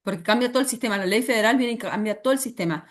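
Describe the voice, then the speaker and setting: A woman teacher with an Argentine Spanish accent lectures her class in a slightly high, rapid-fire voice. She often pauses to put questions to the students.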